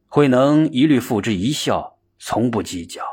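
Husky male storyteller, calm and measured. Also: medium pitch. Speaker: narrator. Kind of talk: storytelling narration.

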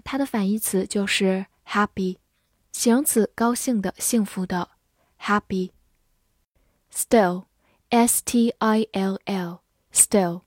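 A woman teaching English vocabulary. She spells words out letter by letter and repeats phrases slowly. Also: medium pitch, a little mellow, no echo, studio quality. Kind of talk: vocabulary lesson with slow read-alouds.

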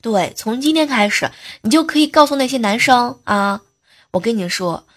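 A woman hosting a comedy show, running through short funny anecdotes with a playful, teasing delivery. Her voice sits a little high. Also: normal speed. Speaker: host. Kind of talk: comic joke storytelling.

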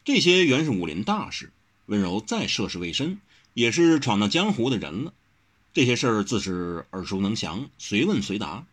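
A man narrating a martial-arts novel as an audiobook in an expressive, storytelling manner. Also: on the low side, moderate pace.

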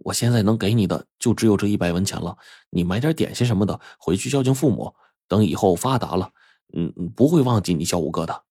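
A man's voice: low-pitched, lively intonation, fast, dark tone, husky, dry recording, clean studio sound, heavily acted. A man voicing an earnest, clever young scholar. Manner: earnest, persuasive.

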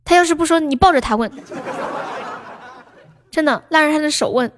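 A woman's voice: high voice, normal speed, slight background noise. A young woman hosting a livestream, chatting casually and playfully teasing her viewers with advice. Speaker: livestream singer and host.

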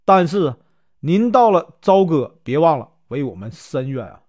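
A man's voice: on the high side, sing-song, moderate pace, a little mellow. A male storyteller voicing a cunning young officer who urgently coaxes and persuades in a spoken story. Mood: coaxing. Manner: urgent, coaxing.

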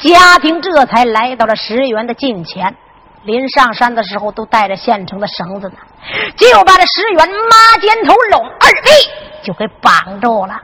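Woman zhuizi narrator; high, bright, animated, dramatic delivery. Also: moderate pace, noisy background. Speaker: storyteller. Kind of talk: Henan zhuizi storytelling narration.

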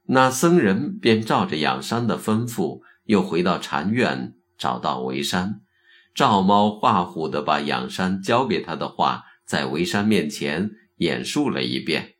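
A man narrating a Zen story in an unhurried, expressive storytelling manner. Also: sits low.

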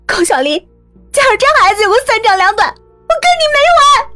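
A shrill, weeping young mother. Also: very animated, a little fast, pushed and bright, faint music behind, heavily acted. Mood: frantic, tearful. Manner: crying, shrill and pleading.

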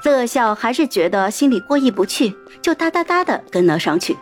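Woman narrator, audiobook, scripted novel reading, lively melodic voice, somewhat high. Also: brisk, soft background music. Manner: expressive storytelling.

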